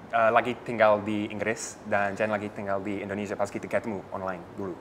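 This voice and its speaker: A man from London, a guest speaking haltingly in an in a casual interview. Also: lowish voice, little pitch movement, a little hiss or hum. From London, England. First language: English. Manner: halting non-fluent speech, friendly and agreeable.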